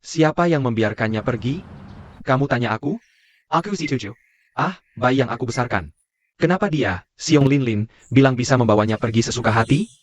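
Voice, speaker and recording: A man's voice: medium pitch, normal speed, natural voice. A man dubbing a stubborn, hurt grandfather in a TV drama, arguing and pleading in turn. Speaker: dubbed drama character. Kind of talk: dubbed TV drama acting.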